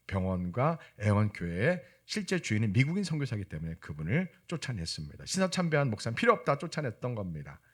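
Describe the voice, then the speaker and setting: A man with a low, husky voice preaches a sermon in a church. His pitch swings widely as he tells stories and acts out the voices in them. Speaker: pastor.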